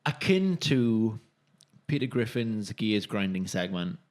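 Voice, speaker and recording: A man's voice: lowish voice, very animated, takes it slowly. A man co-hosting a podcast, chatting casually and candidly, rambling a bit when he gets wound up. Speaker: podcast co-host. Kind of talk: casual chat.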